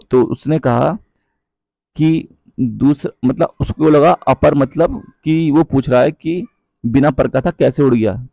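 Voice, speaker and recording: Gravelly-voiced male Hindi teacher. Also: medium pitch, mellow, no room sound. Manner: explains with repeated check-ins to "friends", recites verse slowly. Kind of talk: online exam-prep lesson.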